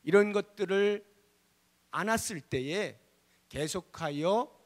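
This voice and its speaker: Pastor, male, high and lively delivery, dramatic swings to whispers, reverberant church hall. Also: slow pace. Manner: dramatic, acts out quoted voices with big swings from loud to whispered. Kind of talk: sermon. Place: church sanctuary.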